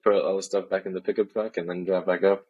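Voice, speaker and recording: A man's voice: low voice, flat delivery, fast talker, darkish tone, highs cut off. A young man from Tijuana and San Diego, chatting casually as a podcast guest, rambling with many restarts. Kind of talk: casual chat.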